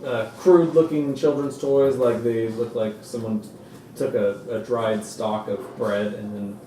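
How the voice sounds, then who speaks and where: A man narrating a tabletop game as game master, describing scenes in halting, filler-heavy improvised speech. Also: mid-range voice, fairly even intonation, dark tone, roomy sound, distant mic, a little hiss or hum.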